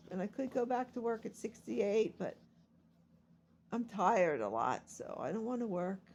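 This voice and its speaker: She's in her sixties, a vlogger and self-published author, wandering through stories of her life in a confessional, self-deprecating way. The voice is medium in pitch, husky, with vocal fry.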